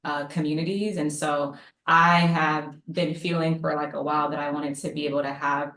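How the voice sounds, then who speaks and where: Low-voiced woman in her thirties, echoey call. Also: flat delivery, moderate pace. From United States. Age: 30s. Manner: warm-hearted, chatty, laughing asides, fillers. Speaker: psychologist guest. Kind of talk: casual panel talk. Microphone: video call. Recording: echoey room on video call.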